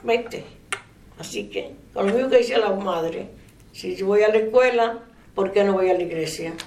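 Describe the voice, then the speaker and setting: An older woman telling a faith story in a relaxed interview. She laughs often and trails off mid-sentence. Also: medium pitch, normal speed, slight background noise. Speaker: interviewee sharing a faith testimony. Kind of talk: casual storytelling. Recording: echoey room.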